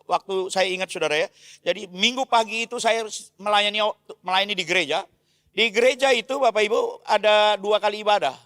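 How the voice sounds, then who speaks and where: Male pastor, middle-aged, high voice, brisk storytelling sermon, dry close sound. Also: no echo. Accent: Indonesian. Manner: animated storytelling, acting out dialogue, addressing the congregation often. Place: large church hall.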